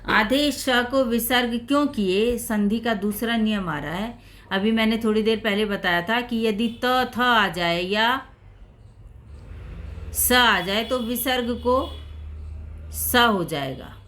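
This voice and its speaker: Slow, bright-voiced woman teaching Sanskrit. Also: fairly high pitch. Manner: patient, step-by-step explaining with repeated examples. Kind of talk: explaining a Sanskrit lesson in Hindi.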